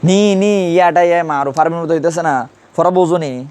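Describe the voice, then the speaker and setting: A man whose voice is on the high side yet darkish in tone leads a grammar lesson in Urdu at normal speed. He tests the class by putting the same questions to students again and again.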